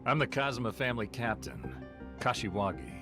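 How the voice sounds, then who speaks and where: An actor voicing a stern, proud middle-aged yakuza captain in a video game, in a measured, commanding, gravelly action-hero snake voice. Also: male voice, medium pitch, big pitch swings, natural voice. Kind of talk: dramatic video game voice acting. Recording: game audio with music underneath.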